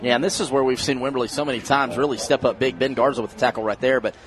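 A man's voice: medium pitch, steady tone, very fast. An American man giving conversational color commentary and analysis during a live football broadcast.

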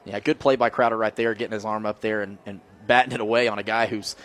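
A man provides color commentary on a football broadcast, conversationally breaking down plays and explaining blocking schemes with many fillers. His fairly low voice is a bit bright, with fairly even intonation and a quick pace.

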